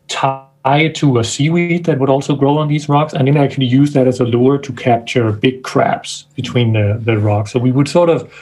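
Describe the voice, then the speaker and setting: A Danish scientist, a man, speaks as a guest in a casual video-call interview, his medium-pitched voice husky and a little mellow. He talks thoughtfully, searching for words and often restarting his sentences.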